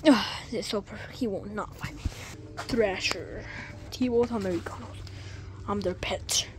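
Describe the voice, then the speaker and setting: A woman giving excitable, casual gameplay commentary, swearing and dropping to whispers while hiding. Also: medium pitch, a little slow, background noise. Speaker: gamer.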